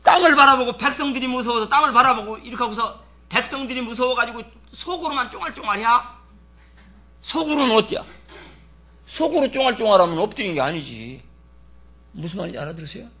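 A pastor preaching to a congregation, swinging from loud dramatic outbursts to soft near-whispers. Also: male voice, very high voice, animated, fast talker. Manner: dramatic, shouts in character then drops to near whispers. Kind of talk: sermon with congregation repeating verses.

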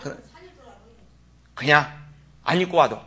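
A pastor preaching a sermon in an animated, folksy way. He speaks to the congregation with dialect asides. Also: fairly high pitch, takes it slowly, breathy edge. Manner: animated, acts out Bible figures in dramatic voices.

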